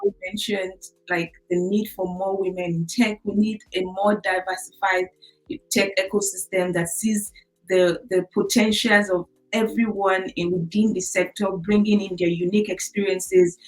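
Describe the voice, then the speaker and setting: A woman's voice: medium pitch, level tone, normal speed, poor audio. Chatty, affirming woman hosting a video call. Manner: affirming, chatty, many fillers like "you know". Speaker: interview host. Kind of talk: online video call interview.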